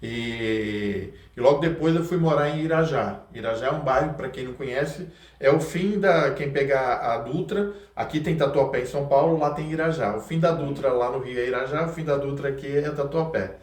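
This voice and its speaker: A man's voice: mid-range voice, normal speed, hardly any pauses, far from the mic. A man from Rio de Janeiro with a Carioca accent, a voice actor talking casually as a podcast guest, hesitant with many restarts. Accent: Carioca Brazilian Portuguese. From Rio de Janeiro, Brazil. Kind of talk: casual interview chat. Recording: echoey room, a bit off mic.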